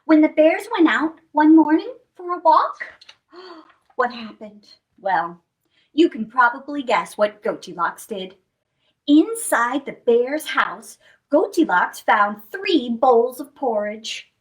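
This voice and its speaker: The audio is poor as a woman with a high voice reads slowly during children's storytime. Her animated picture-book reading is expressive and playful, full of sound effects and questions for young listeners.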